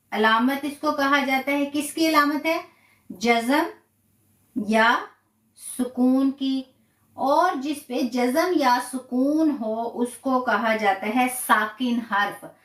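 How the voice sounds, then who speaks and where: A woman's voice: high voice, fairly bright tone, reverberant. A woman teaching Quran recitation rules, patiently repeating each term and asking herself questions. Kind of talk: slow step-by-step tajweed lesson. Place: live stream from a room.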